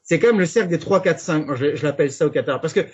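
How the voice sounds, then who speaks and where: A man's voice: on the high side, very fast, breathy edge. A man from Belgium, arguing his point on a football debate show, stumbling over restarts before pressing on. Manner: hesitant restarts, then firm arguing. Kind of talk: debate talk. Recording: dull lo-fi sound.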